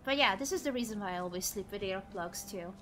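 A woman live streamer gives expressive, casual gameplay commentary while chatting with viewers, exclaiming and swearing freely. She talks fast at a medium pitch against a noisy background.

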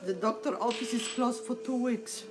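A woman's voice: fairly high pitch, moderate pace. A woman making brief remarks from off camera in a home kitchen. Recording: distant voice in a room with music.

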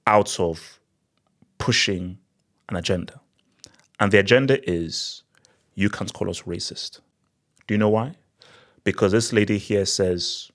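A man in his thirties with a Nigerian accent and fairly low pitch delivers sarcastic, animated political commentary in a small studio. He speaks into a desk mic on a boom arm.

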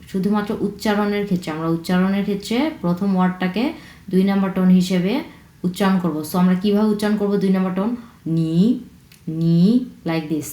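A woman's voice: medium pitch, darkish tone. Patient Chinese woman teaching in an echoey room. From China. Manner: patient, repeats words slowly to drill tones. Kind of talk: online language lesson.

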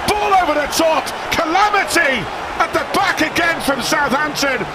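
A middle-aged man giving excited, emphatic live football commentary, shouting at full volume. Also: very high voice, moderate pace. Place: open-air football stadium stand. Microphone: handheld commentator microphone held at the mouth. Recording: loud stadium crowd noise.

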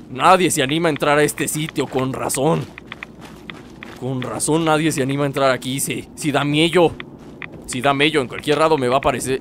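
A young man giving jokey let's-play commentary, talking straight to his viewers and yelling when startled. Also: fairly high pitch, slight background noise. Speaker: gaming YouTuber.

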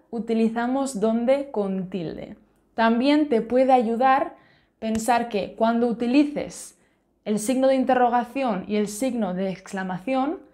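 Slow, careful Spanish-accented woman teacher. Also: on the high side, a little mellow. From Spain. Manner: slow, careful explanation switching between two languages. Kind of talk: bilingual language lesson.

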